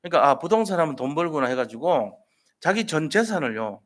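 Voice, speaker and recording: A man's voice: a little high, big pitch swings, a little fast. A man preaching a sermon as a pastor, telling a story and putting rhetorical questions to the congregation.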